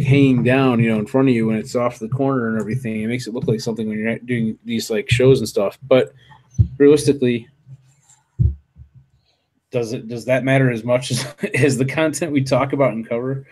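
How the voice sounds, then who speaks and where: This home-office livestream host speaks fairly quickly at a medium pitch, with fairly even intonation and a slightly mellow tone. Into his desktop USB studio mic, he rambles casually, restarting often, using fillers, and swearing mildly.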